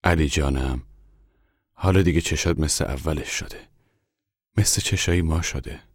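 Guy voicing a sad tender dad, choked up, very deep, dry. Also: dry recording. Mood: tender, grieving. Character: grieving father, tender toward his son.

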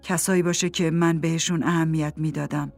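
A desperate father, stammering and crying as he begs for his children, voiced by a woman reading an audiobook. His words come out broken and pleading over soft background music. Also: low-pitched, flat delivery. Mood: hesitant. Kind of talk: audiobook character voice.

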